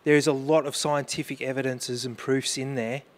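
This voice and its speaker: A man's voice: medium pitch, little pitch movement, moderate pace. A man preaching a sermon as pastor, earnest, mixing questions to the congregation with personal storytelling about grief.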